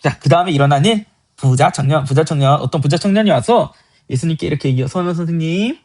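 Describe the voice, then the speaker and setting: A man teaching a casual Bible lesson, explaining lively and asking questions before answering them himself. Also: a little high, fast talker.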